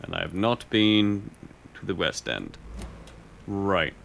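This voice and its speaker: A man's voice: deep voice, very animated, takes it slowly, vocal fry, a bit bright, slight background noise. A young man casually commenting while he plays a game on stream, wry and rambling, often muttering to himself. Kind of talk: casual let's-play commentary.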